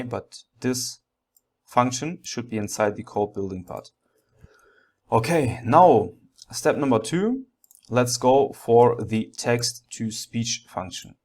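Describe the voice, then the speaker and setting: A man giving a step-by-step programming tutorial, thinking aloud and often checking in with a short okay. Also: mid-range voice.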